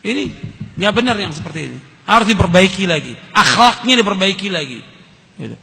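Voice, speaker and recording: A male preacher giving an emphatic sermon, repeating key phrases and dropping between loud and hushed delivery. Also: sits high, animated, a little fast, creaky. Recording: hall reverb.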